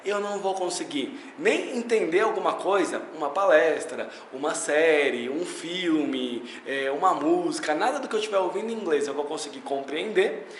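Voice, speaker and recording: A man's voice: on the high side, lively intonation, normal speed, few pauses, echoey room, slight background noise. A man with a Brazilian Portuguese accent giving a casual video lesson as an English teacher, chatty and talking straight to the viewer. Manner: chatty, addresses viewer directly.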